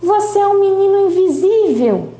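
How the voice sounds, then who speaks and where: Woman as agitated dad, shouting, high-pitched, lively swings. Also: normal speed, echoey room. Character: excitable, bossy father.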